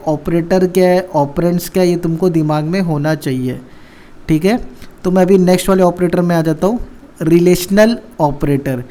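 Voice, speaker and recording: A man's voice: high voice, dark tone. Chatty man teaching coding basics. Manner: conversational, keeps quizzing with rhetorical questions. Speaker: programming teacher. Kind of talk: casual coding tutorial.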